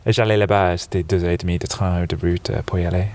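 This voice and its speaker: A man from England with an English accent tinged with American, speaking as an interview guest in a relaxed, hesitant way with many fillers. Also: low-pitched, fast talker. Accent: English with a slight American touch, speaking French. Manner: hesitant, many "euh" fillers, laughs easily. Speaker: interview guest, snowboard shop buyer. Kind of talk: casual interview chat. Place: sofa in a dark exhibition hall.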